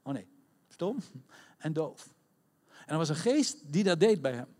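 Dutch man preaching a lively sermon. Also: a little high, moderate pace. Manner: conversational, acts out quotes, shouts at peaks.

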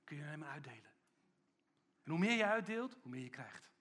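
A man preaching a sermon, swinging between loud, stressed lines and quiet, intimate asides. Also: fairly high pitch, sing-song, a little fast. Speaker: pastor.

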